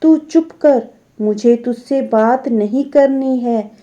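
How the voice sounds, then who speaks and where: A woman's voice: a little high, slow pace, dark tone. A woman voicing a stubborn, angry older mother-in-law who scolds and insists, on a dull lo-fi recording.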